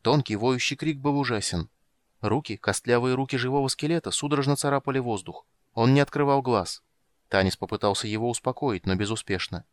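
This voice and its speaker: A man reading a fantasy audiobook in measured, scripted narration. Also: mid-range voice, no room sound.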